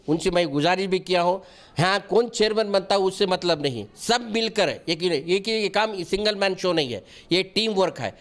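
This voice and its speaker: High-pitched earnest man. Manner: earnest, repeats himself, restarts often; defensive and pleading. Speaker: wakf board member being interviewed. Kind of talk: news interview answers.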